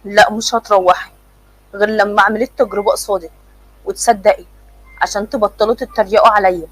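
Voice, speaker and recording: A woman's voice: mid-range voice, steady tone, quick pace, natural voice, low-quality recording. A woman voicing a male mad inventor who gloats with menace. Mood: gloating. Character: mad inventor man, bitter old schoolmate.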